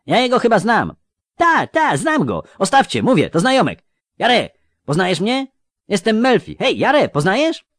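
A man's voice: sits high, huge pitch swings, moderate pace, dry recording, studio quality, voice pushed up, heavily acted. A man doing Melfi, a brash young rogue. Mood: boisterous. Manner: loud, cheerful, overfamiliar. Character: young male rogue, boisterous and overfamiliar. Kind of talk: audiobook character voice.

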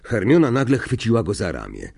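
A man narrating an audiobook in an expressive, suspenseful way. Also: lowish voice, brisk, vocal fry, slightly rough.

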